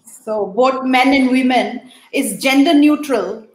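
A woman's voice: sits high, takes it slowly, poor audio. A middle-aged woman from Manipur in northeast India with a Naga accent, talking as an interview guest on a video call. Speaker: guest, sociology professor. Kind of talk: interview talk. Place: book-lined room at home.

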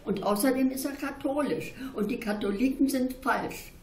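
A bold, insistent schoolchild from a storybook who keeps demanding answers, as a woman reader puts it on. The voice sits noticeably higher than her own and pushes forward a little louder. A roomy echo hangs around each line. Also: moderate pace, a little hiss or hum, close to an everyday voice. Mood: indignant. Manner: insistent questioning. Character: curious outspoken schoolchild, indignant.

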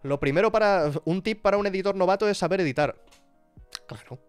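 A man's voice: high voice, brisk, clear, resonant tone, no room sound, soft background music. A man from chatting casually on a live stream about his work, thinking aloud with frequent restarts and asides. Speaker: streamer and YouTuber.

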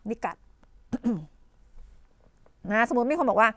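High-pitched Thai woman tutoring, coughing. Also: slow pace, no room sound, clean studio sound. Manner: explains idioms with many "นะคะ" fillers and rhetorical questions; coughs and clears her throat often. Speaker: English teacher. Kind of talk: televised tutoring lesson.

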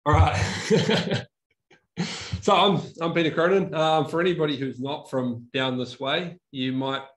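A young New Zealander, his accent softened by years spent in Australia, gives a chatty online conference talk over a video call webcam from an indoor room with a whiteboard and brick wall. His voice is a little high, steady and unhurried. Casual and chatty, he often restarts words and laughs at himself.

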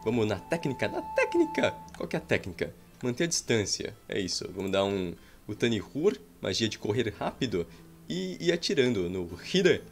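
With a voice on the low side and huge swings in pitch, a Brazilian streamer in his thirties jokes his way through his own gameplay at a moderate pace. His accent is Brazilian Portuguese, and he exclaims and sighs at the game from a small room at home, where faint game music is audible.

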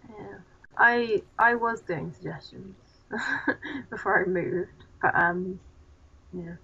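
A young woman hosts a let's play, chatting casually through a co-op game in a rambling, giggly, self-mocking way. Her medium-pitched voice is slow, husky and sharp-toned, with vocal fry. The mic sounds dull and lo-fi.

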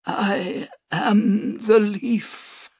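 A frail old priest breathes out his last words in a thin, raised voice, as a male narrator puts him on. The sound is breathy and stretched out slowly, recorded dry and close. It suits a storybook reading. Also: steady tone, a little mellow, no echo, exaggerated voice. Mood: faint, serene. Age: older. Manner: high, thin, faint and slow. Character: dying old bearded priest, frail and serene.

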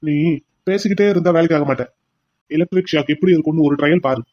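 A man's voice: fairly high pitch, quick pace, dull audio, very noisy, lightly acted. A man voicing a cruel male kidnapper in a cartoon drama, taunting and threatening his captive with mocking questions. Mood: menacing.

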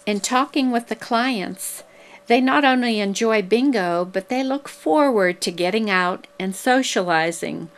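A woman reads a scripted promotional narration. Her voice sits at a middle pitch, and she explains things in a measured, unhurried way.

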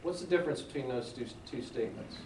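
A man's voice: medium pitch, lively intonation, quick pace, a little mellow, a little hiss or hum. Male church class leader, conversational and questioning, recorded in an echoey room from a distance. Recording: echoey room, mic far off.

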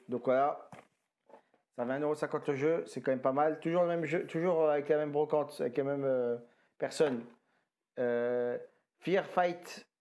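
A tired French vlogger who collects retro games rambles casually about the video games he picked up at a flea market, often correcting himself and using slang. His voice is mid-range and a little mellow, suited to this relaxed haul commentary.

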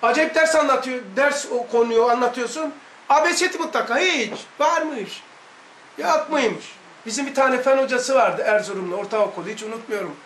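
High-voiced man teaching in an echoey room. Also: normal speed, fairly bright tone, a little hiss or hum. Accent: Laz Turkish. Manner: emphatic, repetitive, rhetorical questions. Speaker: religious study teacher. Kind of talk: religious lesson talk.

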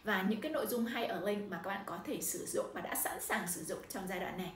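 A Vietnamese-accented woman tutor giving an instructional language-learning talk, animated and exaggerating intonation when demonstrating. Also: mid-range voice, a little fast. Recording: echoey room, somewhat distant mic, faint noise.

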